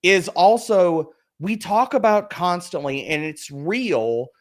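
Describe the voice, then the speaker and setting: This man's voice sits somewhat high, and he speaks slowly while talking fantasy football on a podcast. His rant is loose and conversational, yet emphatic and profane, full of one rhetorical question after another.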